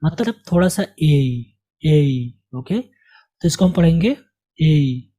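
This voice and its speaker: Taking it slowly, a man with a warm, fairly high voice and lively intonation teaches English letters. He's patient and repeats often, putting questions to the learner and answering them himself.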